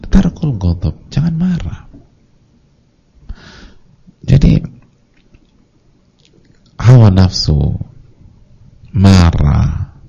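Low gravelly man preaching. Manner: lively, acts out congregants' voices. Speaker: Islamic preacher. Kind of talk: sermon. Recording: dull lo-fi audio recording.

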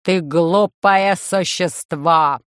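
A reader voicing a loud, harsh metallic robot ruler who speaks in slow, measured commands in an audiobook. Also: medium pitch, clean tone, no room sound, studio quality. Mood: cold commanding. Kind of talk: audiobook reading.

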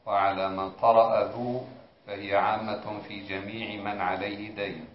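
A man reciting a classical commentary aloud in a formal, measured way during a religious lesson. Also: lowish voice, little pitch movement. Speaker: student reading the text aloud. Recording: echoey room, dull lo-fi recording, faint noise.

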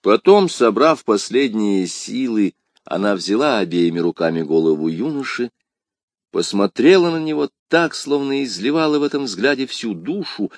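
A man narrates a classic adventure novel with vivid, dramatic expression. His pitch rises and falls freely, and the voice sits close and dry, with no room echo around it. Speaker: audiobook narrator.

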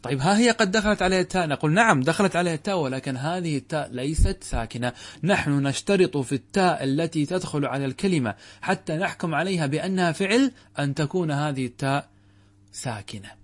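A man's voice: fairly high pitch, animated. Man teaching grammar, questions and answers. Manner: asks and answers his own questions, repeats key words; slows and intones quoted verses. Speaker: sheikh teaching Arabic grammar. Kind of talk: classroom lesson explaining a grammar text.

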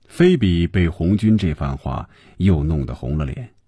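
Deep husky male storyteller. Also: big pitch swings, measured pace, warm tone, dry recording, studio quality. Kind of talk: storytelling narration.

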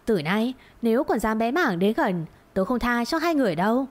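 A woman's voice: fairly high pitch, sing-song, brisk. Woman doing a fierce defiant daughter. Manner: sharp, resolute.

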